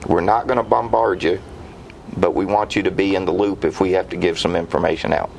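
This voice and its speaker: Deep gravelly man in conversation. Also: steady tone, fairly quick, a little mellow, poor audio. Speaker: police official guest. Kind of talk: conversational interview talk. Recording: faint background noise.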